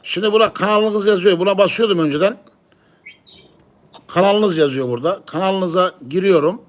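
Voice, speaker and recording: A man with a fairly high voice in a casual chat. He explains what he is doing step by step, going back over the same points in short repeated phrases. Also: normal speed. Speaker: pigeon live-stream channel owner.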